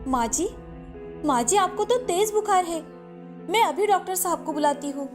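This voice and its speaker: A woman voicing a gentle, dutiful young daughter-in-law who speaks softly and respectfully in a cartoon story. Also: very high-pitched, animated, moderate pace, music in the background, pitched above the performer's own voice. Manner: soft-spoken, respectful, meek.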